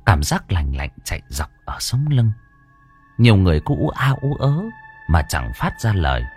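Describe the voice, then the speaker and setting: A man's voice: low-pitched, sing-song, normal speed, darkish tone, faint music behind. A man narrating a ghost story with dramatic, suspenseful delivery.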